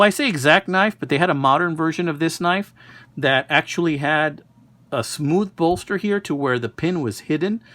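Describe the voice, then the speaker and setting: In what sounds like a homemade video, a knife collector shows off a find in a relaxed, unhurried product showcase. His voice sits on the high side with a slightly bright quality, and the recording is dry.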